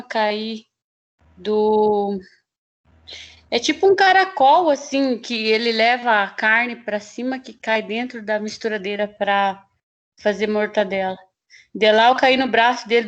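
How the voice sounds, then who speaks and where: A woman student recounting a workplace accident in an online class, rambling and animated with many restarts, heard over a video call. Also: a little high, a little slow, muffled recording. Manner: animated, rambling storyteller with frequent laughs and restarts. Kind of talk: telling a story in an online class.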